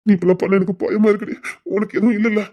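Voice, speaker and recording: An actress voices a tender, devoted woman with a Tirunelveli Tamil accent, trying to calm a grieving loved one. She soothes her, pleads with her and repeats the same reassurances over and over. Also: mid-range voice, very fast, lightly acted. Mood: pleading, soothing. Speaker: close companion consoling a grieving woman. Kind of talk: emotional web drama acting.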